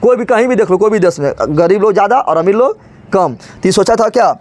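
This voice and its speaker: A man's voice: high voice, expressive, quick pace, darkish tone. A male teacher gives a colloquial, joking history lesson, asking rhetorical questions and repeating key terms. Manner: colloquial and joking, slips into regional dialect. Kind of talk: animated classroom lecture.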